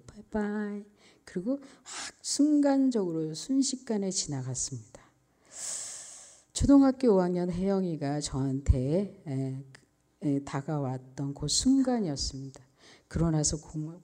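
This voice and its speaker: Low-voiced woman giving an emotional testimony. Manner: earnest, emotional storytelling that often drops to a soft near-whisper. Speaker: missionary and social worker. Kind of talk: personal testimony.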